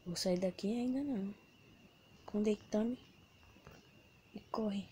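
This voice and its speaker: A woman hosting a gaming channel, giving casual commentary while she plays a mobile game. She is excitable, exclaiming loudly and then dropping to whispers as she plays. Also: medium pitch, a little slow, slight background noise.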